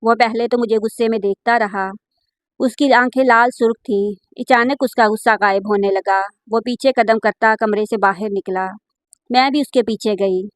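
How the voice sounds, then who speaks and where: A woman's voice: a little high, fairly even intonation, moderate pace, no echo. A woman telling an emotional first-person story as scripted narration, in an earnest, feeling way.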